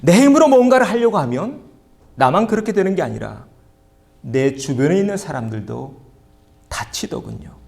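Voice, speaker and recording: A male pastor preaching a sermon, reading scripture aloud slowly and leading the congregation in call and response. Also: sits high, very animated, vocal fry, darkish tone.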